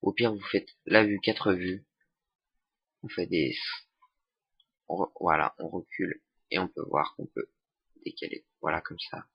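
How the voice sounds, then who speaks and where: A young man giving a casual software tutorial, hesitant with many fillers and restarts. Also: deep voice, a little slow, vocal fry, pauses often, slightly rough, no room sound. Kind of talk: casual screen-recorded tutorial. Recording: dull lo-fi desktop mic.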